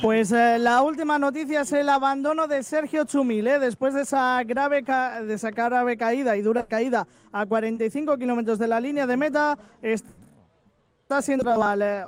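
A man reporting live on a cycling race as commentator, informative, in long running sentences. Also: very high voice.

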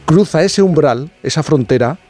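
Radio host laying out figures. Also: male voice, fairly high pitch, expressive, darkish tone, faint music behind. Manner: measured, explanatory, cites figures. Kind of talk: radio talk show.

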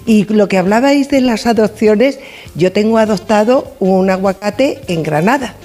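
A woman's voice: medium pitch, expressive, measured pace, warm tone. Chatty woman from the studio audience. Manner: hesitant, chatty, many fillers. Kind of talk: casual chat on a radio show.

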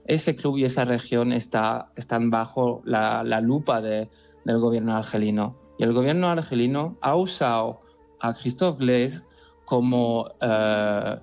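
A man's voice: mid-range voice, highs cut off. A man from France in his forties, an editor being interviewed on the radio, speaking earnestly with many restarts and repeated words. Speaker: magazine editor in chief.

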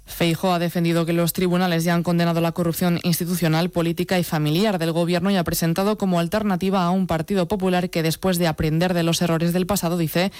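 Brisk, high-pitched male newsreader. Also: level tone, a little mellow, smooth, dry recording. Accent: Spain. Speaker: news bulletin presenter. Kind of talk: scripted news reading.

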